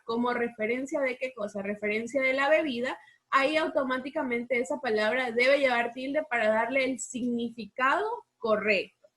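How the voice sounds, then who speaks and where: Patient woman teaching slowly. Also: fairly high pitch, fairly bright tone. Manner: patient, drawn-out, repeats words slowly for students. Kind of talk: online class, explaining accent rules.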